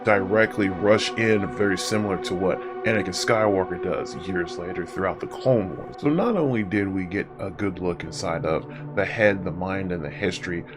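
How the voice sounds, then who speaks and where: The host of an audiobook review series, a man with a low voice, delivers a casual, conversational review at a moderate pace with few pauses. He drifts into informal, rambling asides while music plays behind him.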